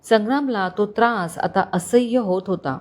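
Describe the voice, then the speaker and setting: Woman storyteller, dramatic family tale, expressive narration, mid pitch. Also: normal speed. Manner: expressive, voices characters with rising pitch in tense moments.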